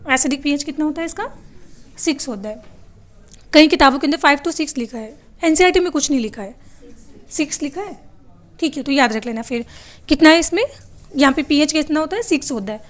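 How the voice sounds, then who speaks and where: High-voiced woman teaching biology. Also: a little fast, long pauses. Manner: asks the class questions and answers them herself; mixes English terms into her explanations. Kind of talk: classroom lecture.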